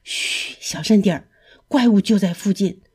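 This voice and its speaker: A woman voicing a frightened old male rooster in hiding, talking in an anxious, urgent hush. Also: mid-range voice, normal speed, slightly rough.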